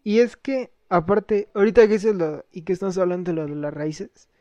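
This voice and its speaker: A man with a Mexican Spanish accent in casual chat, telling stories in a relaxed, slangy way. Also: high-pitched, moderate pace, no echo, dull audio.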